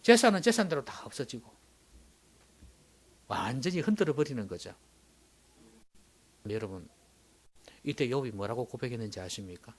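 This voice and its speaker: A male pastor preaching a sermon, swinging dramatically from loud exclamations to hushed whispers. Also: mid-range voice, animated, normal speed, pauses often.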